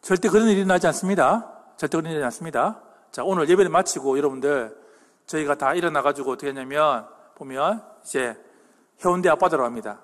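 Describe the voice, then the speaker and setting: A man preaching a sermon in a church, in a lively, humorous way and often asking the congregation questions. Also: fairly high pitch, quick pace, in a large hall. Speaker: pastor. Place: church hall.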